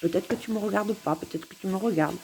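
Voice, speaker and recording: A woman's voice: medium pitch, fast talker, creaky, a little mellow, a little hiss or hum. A woman recording a rambling, philosophical monologue to camera at home, musing, giggling and repeating herself. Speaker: vlogger.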